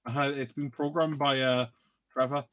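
A man's voice: mid-range voice, level tone, normal speed, fairly bright tone, dry recording. A young man chatting casually with a friend while gaming, laughing often. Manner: giggly, bouncy, laughs often. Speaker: co-host.

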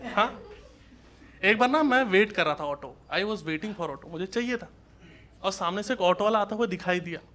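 On a handheld mic in a small indoor comedy club, a comedian from Uttar Pradesh, India, tells live observational stories at a moderate pace. His high voice is animated with a sharp tone, and his colloquial, conversational style includes acting out dialogue. Audience laughter and noise are audible throughout the live recording.

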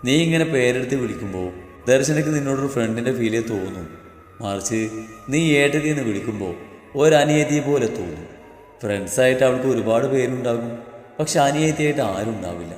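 A man voicing an affectionate, protective young husband, speaking gently and coaxingly. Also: mid-range voice, animated, a little fast, pitched below the performer's own voice, lightly acted. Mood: gently firm. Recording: echoey reverb with background music.

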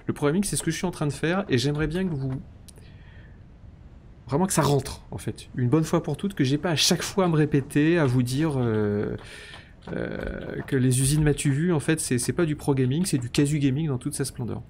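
Here a man streaming a factory-building game speaks at a fairly high pitch, briskly and a little mellow, with slight noise behind him. His casual commentary mixes thinking aloud, counting under his breath, and self-mocking grandiose jokes as he builds.

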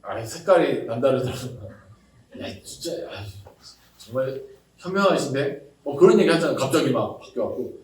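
Male pastor, casual sermon, animated, acts out voices, heavy room echo, distant from mic. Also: mid-range voice, moderate pace. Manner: animated, acts out quoted voices, chatty asides. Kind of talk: casual sermon to young adults. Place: church worship hall. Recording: roomy echo, speaker away from mic.

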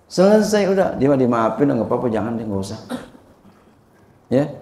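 A man's voice: medium pitch, very animated, normal speed, dark tone, roomy sound, slight background noise. A man giving an informal religious lesson, repeating phrases and addressing his listeners directly. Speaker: religious teacher.

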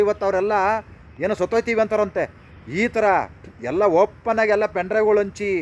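Fast, high-voiced man ranting outdoors. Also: lo-fi sound, a little hiss or hum. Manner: rhetorical questions, repeated phrases. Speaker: political commentator. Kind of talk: impassioned monologue.

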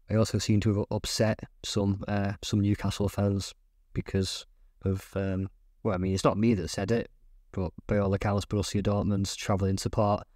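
A man chatting casually as a football journalist guest on a podcast, halting and repeating words as he thinks. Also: lowish voice, a little mellow, no room sound, studio quality.

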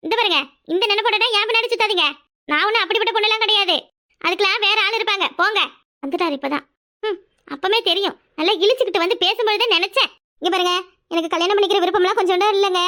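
A woman's voice: very high-pitched, racing. Stern young village woman. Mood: curt. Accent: southern Tamil. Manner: curt, sharp-tongued, scolding. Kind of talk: cartoon voice acting.

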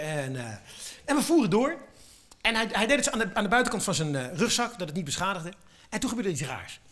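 Male comic, very high bright voice, animated rants and quiet asides. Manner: animated, shifts between shouted rants and quiet musing. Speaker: stand-up comedian. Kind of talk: stand-up comedy monologue.

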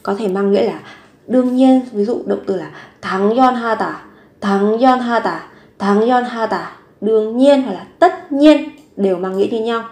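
A woman with a somewhat high voice gives a vocabulary lesson. She reads each word and example sentence aloud and repeats it slowly and carefully. The room sounds echoey. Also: mellow. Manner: slow, careful repetition of words and sentences. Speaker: Korean language teacher.

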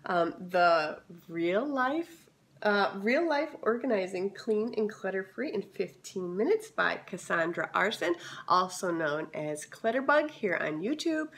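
A woman's voice: mid-range voice, animated, a little slow, a bit bright. A woman vlogger with a scratchy voice, chatting enthusiastically through a haul video. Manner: chatty and enthusiastic, many fillers.

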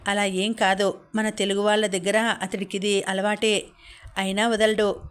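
A woman reading the lines of a remorseful, caring young husband in an audiobook, calm and reassuring. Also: medium pitch, unhurried, clean tone, close to an everyday voice.

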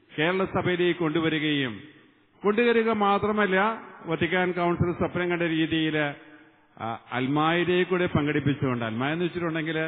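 An older man from Kerala, preaching earnestly to a large convention crowd on a stage mic. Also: high voice. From Kerala, India. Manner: earnest, addresses the crowd directly, hands raised. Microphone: mic on a stand close to the mouth. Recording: tinny narrow sound, long hall reverb.

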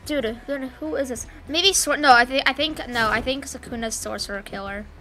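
A woman's voice: high voice, pushed and bright. A woman commentating her own gameplay in a casual way, teasing and trash-talking her opponent, often stumbling over and restarting her words. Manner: playful trash talk, halting restarts. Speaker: gamer. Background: background music.

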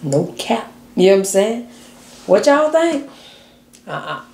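A woman's voice: mid-range voice, very animated, a little slow, darkish tone. A woman in her forties hosting a casual reaction chat, blunt and slangy, teasing her guests. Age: 40s. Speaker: host. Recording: echoey room.

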